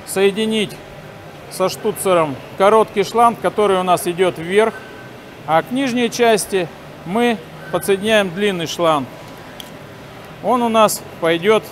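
In a large indoor factory workshop hall, a high-voiced man in his forties demonstrates sawmill assembly step by step, speaking haltingly as he works with his hands. The recording carries clear, noisy industrial workshop ambience.

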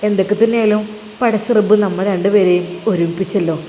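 A woman's voice: mid-range voice, fairly even intonation, quick pace, dark tone, voice pushed down, lightly acted. A woman voicing a young husband who speaks tenderly and reassuringly to his wife. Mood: soothing. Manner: tender, soothing. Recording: reverberant room with faint noise.

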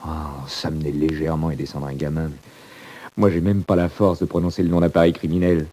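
A hardened convict in an old radio drama, with a very low, dark and husky voice. He speaks gravely and bitterly, brooding on his fate. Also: level tone, a little fast, no room sound. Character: hardened male convict, proud and weary. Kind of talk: 1940s radio drama acting.

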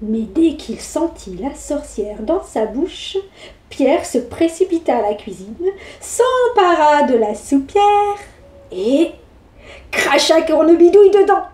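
A woman reads a picture book aloud to children in a high voice. She takes her time and reads expressively, and the room adds plenty of echo. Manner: slow and expressive. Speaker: storyteller. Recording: echoey room.

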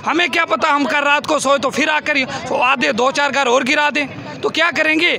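A man's voice: very high voice, steady tone, moderate pace, vocal fry. A young man giving an impassioned, pleading protest speech to a reporter outdoors, repeating himself for emphasis, with a crowd and traffic around him. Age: young adult. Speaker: protest spokesman. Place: outdoor protest tent by a busy road. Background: crowd and passing traffic.

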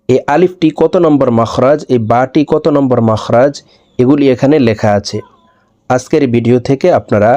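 Guy teaching arabic letters, warm low-key voice, says each letter twice then spells it. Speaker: Quran teacher. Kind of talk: slow step-by-step recitation lesson.

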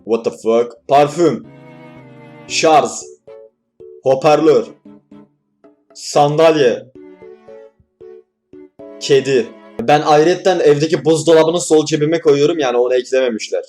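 A man's voice: on the high side, a little mellow, faint music behind. Joking young man reacting to clips. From Turkey. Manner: joking, swears, quick asides. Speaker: reaction video host. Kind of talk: casual reaction commentary.

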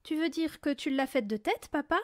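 A woman voices an eager young boy who admires his father, pitching higher than her own natural voice while staying close to an everyday tone. She speaks at normal speed, and the studio recording is clean with no room sound.

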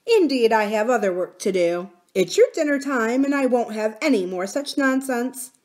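A woman's voice: fairly high pitch, animated, moderate pace, a little mellow, pitched above the performer's own voice, close to an everyday voice. Woman doing a huffy motherly nurse. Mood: scolding. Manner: huffy, scolding. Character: fussy motherly nurse, quick to take offence.

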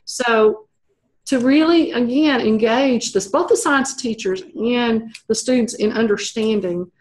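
A middle-aged woman speaks in a slightly high voice, thinking aloud as she talks through an interview. She stops to restart her sentences, fills pauses with small hesitations, and laughs easily. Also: a little mellow. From United States. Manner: thoughtful, many fillers and restarts, laughs easily. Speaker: program evaluation professor, interview guest. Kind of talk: conversational interview.

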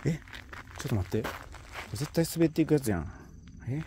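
Out on a rocky hillside, a man with a Kansai accent films his hike on a handheld phone for a casual travel vlog, talking to himself chattily and exclaiming often. He speaks at medium pitch and a moderate pace, animated yet mellow. Slight background noise is present.

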